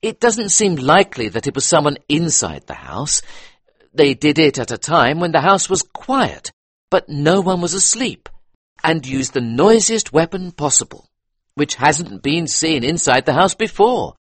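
A man voicing a brisk, talkative male police inspector in a read-aloud detective story, with a raised, eager delivery and a husky edge. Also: fairly high pitch, big pitch swings, a bit bright, dry recording, pitched above the performer's own voice, exaggerated voice. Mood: explaining. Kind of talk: audiobook character reading.

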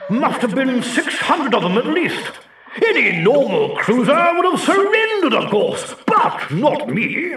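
A bragging, blustering space battle cruiser, voiced very high, bright and sharp, and dragging out every word. It sounds a bit echoey and far off, with faint music underneath. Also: slight background noise, full character voice. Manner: blustering, shouting, mocking laughter. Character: pompous boastful male battle cruiser.

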